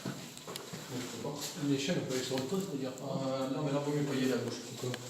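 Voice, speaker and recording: A man's voice: medium pitch, fairly even intonation, rapid-fire. Uneasy man in very echoey, noisy space. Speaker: urban exploration vlogger. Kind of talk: casual chat while exploring, slangy. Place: inside an abandoned hospital at night. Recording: very echoey, distant, noisy camera audio.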